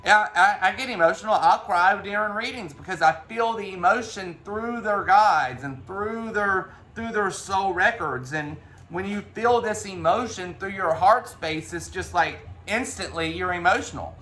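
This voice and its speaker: A man talks casually about spirituality as a reader, in a high voice. His tone is bright and sharp. He rambles and restarts often, dropping in the odd swear word. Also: normal speed, hardly any pauses, a little hiss or hum.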